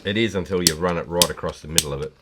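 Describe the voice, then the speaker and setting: A man's voice: low voice, racing, heavy background noise. A middle-aged man, bantering in an easygoing, encouraging way. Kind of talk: casual chat.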